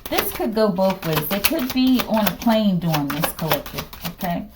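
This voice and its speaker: A female tarot reader gives a casual reading in a very animated mid-range voice at normal speed, against a very noisy background. She's blunt, dramatic and emphatic, and keeps checking in with her listeners.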